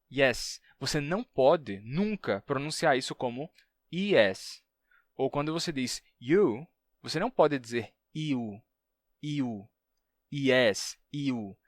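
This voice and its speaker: A man of middle pitch teaching phonetics in a video lesson. He explains patiently and pauses to sound out example syllables slowly. The recording is close and dry. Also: no room sound. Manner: demonstrates sounds by repeating them slowly. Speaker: linguistics educator.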